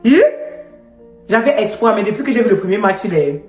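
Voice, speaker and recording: A woman's voice: medium pitch, lively intonation, fairly quick, reverberant, soft background music. A woman giving emphatic, effusive live stream commentary, pleading and praising in turn.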